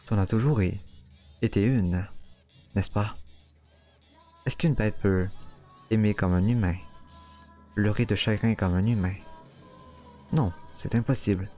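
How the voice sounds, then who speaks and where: A man's voice: on the low side, unhurried, long pauses, mellow, faint music behind, close to an everyday voice. A man voicing a cruel mocking inner voice. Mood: taunting.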